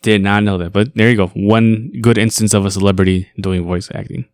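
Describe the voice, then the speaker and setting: A man's voice: on the low side, fairly even intonation, fairly quick, no room sound. Laid-back man in a dry room. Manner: laid-back, rambling, swears freely. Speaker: podcast co-host. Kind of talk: casual chat.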